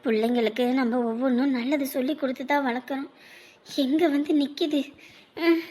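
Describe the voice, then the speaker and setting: A proud, quarrelsome village mother in a family drama, acted by a woman. Her voice sits very high. She scolds and pleads with raw emotion. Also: steady tone, a little fast, dark tone, natural voice. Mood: wailing despair. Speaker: mother of the groom. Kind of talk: Tamil family drama acting.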